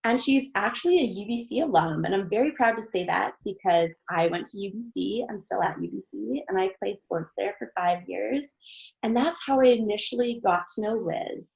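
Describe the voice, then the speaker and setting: A woman's voice: mid-range voice, moderate pace, creaky, darkish tone, poor audio. A young woman hosting, giving an earnest, enthusiastic formal introduction of a guest speaker. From Canada.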